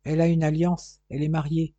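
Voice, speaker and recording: A man's voice: a little high, little pitch movement, fairly quick, dark tone, no room sound, highs cut off, close to an everyday voice. A man voicing a blunt, practical young brother who scolds and worries. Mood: matter-of-fact.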